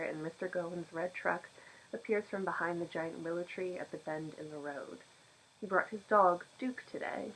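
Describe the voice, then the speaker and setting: Brief: woman audiobook reader, calm steady narration, mid pitch, home reading. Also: a little hiss or hum, poor audio. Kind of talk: reading a novel aloud. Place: home, by a bookshelf.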